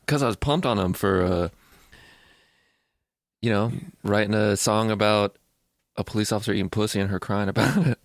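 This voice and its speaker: Podcast co-host, man, low gravelly voice, laid-back crude banter, dry close sound. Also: fairly even intonation, normal speed, long pauses, dry recording. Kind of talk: casual chat.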